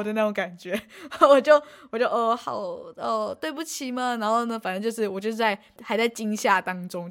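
A young woman, co-hosting a casual podcast and telling a story in a rambling way, with frequent restarts and acted-out quotes. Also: medium pitch. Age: young adult. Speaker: podcast co-host.

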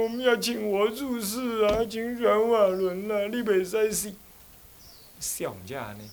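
A man with a Taiwanese accent, an abbot giving a joking dharma lecture who often mimics people and slips into Taiwanese dialect. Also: mid-range voice. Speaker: Buddhist abbot.

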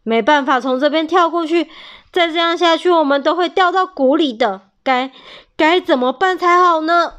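A woman voicing a big, gruff male tyrannosaurus who is fierce but protective, speaking sternly in a storybook reading. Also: very high voice, normal speed, fairly bright tone, pitched above the performer's own voice. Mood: urgent.

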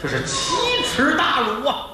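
A male storyteller voicing a hot-tempered, drinking peasant husband who shouts accusations at his wife, heard from a distance in an echoey live hall. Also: very high-pitched, huge pitch swings, unhurried, heavy background noise, voice pushed up, heavily acted. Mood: furious.

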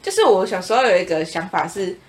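A young woman from Taiwan with a Taiwanese Mandarin accent, co-hosting a casual podcast chat and telling stories with lively acted-out voices. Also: lowish voice, fast, a little hiss or hum. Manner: animated storytelling, acts out customers' voices. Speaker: podcast co-host.

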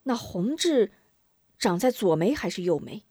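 A woman's voice: medium pitch, sing-song, measured pace, dark tone, slightly rough, no echo, clean studio sound. A woman voicing an elderly grandmother who asks firm, probing questions.

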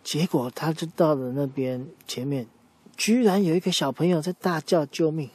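A man's voice: fairly high pitch, normal speed, darkish tone. A man telling an improvised children's story to a young listener, explaining patiently and answering questions as he goes.

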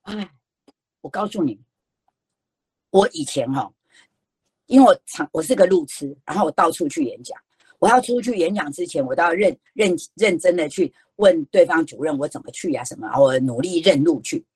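Husky, animated older Taiwanese woman lecturing. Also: on the low side, moderate pace, dry recording. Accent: Taiwanese Mandarin. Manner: animated and folksy, with emphatic rhetorical questions. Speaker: storytelling educator giving a lecture. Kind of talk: lively lecture.

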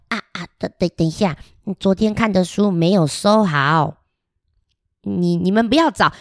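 A woman's voice: mid-range voice, no echo, clean studio sound, lightly acted. A woman voicing a chatty little boy about to start kindergarten in a children's picture book read-aloud, playful and giggly as she talks straight to the children listening. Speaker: storybook reader.

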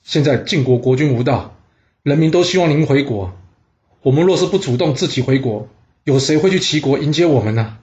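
A man's voice: medium pitch, lively intonation, fairly quick, a little mellow, lo-fi sound, natural voice. A man voicing an earnest male minister who pleads persuasively.

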